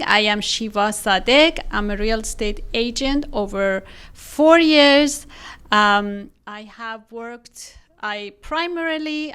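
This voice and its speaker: A woman from Iran speaks with an Iranian accent in a slightly high, somewhat bright voice that sounds clear and resonant. She's a real estate agent appearing as a podcast guest, chatting about her work.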